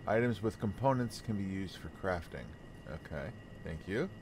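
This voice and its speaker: Low-voiced man streaming a game. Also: lively intonation, moderate pace, a little mellow. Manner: reads aloud with stumbles and chatty asides. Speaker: livestreamer. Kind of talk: casual game livestream, reading in-game text aloud.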